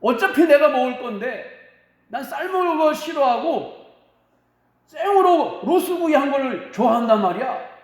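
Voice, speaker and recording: A rude, greedy young priest barks out his demands and waves off anyone who objects, as a man preaching acts him out. The voice is pitched high for a man and rings through a roomy, echoing hall. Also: lively intonation, a little slow, full character voice. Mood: brusque. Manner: brusque and dismissive.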